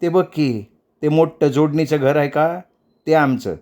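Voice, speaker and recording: A man's voice: fairly high pitch, unhurried, a little mellow, close to an everyday voice. A man voicing a friendly, eager well-off village boy in a storytelling reading, speaking in an easy, coaxing way.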